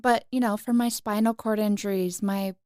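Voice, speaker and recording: A woman's voice: medium pitch, fairly even intonation, moderate pace, a little mellow, dry recording. Agreeable woman therapist guest, dry sound. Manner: agreeable, plain clinical explaining. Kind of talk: casual interview chat.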